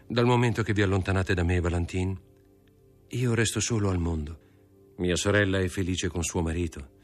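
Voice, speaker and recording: A man voicing a proud young man in an audiobook reading, grave, measured and bitter. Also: low-pitched.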